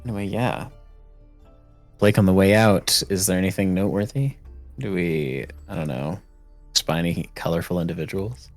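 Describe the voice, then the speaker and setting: Player, male, very deep voice, jokey table talk, soft music underneath. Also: normal speed. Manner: jokey, agreeable. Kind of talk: casual chat at a game table.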